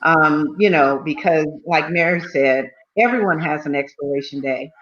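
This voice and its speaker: A woman's voice: deep voice, normal speed, a bit bright, lo-fi sound, slight background noise. A woman in her seventies, a talk-show guest, chatting in a rambling way full of repeated phrases. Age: 70s. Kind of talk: casual talk-show interview.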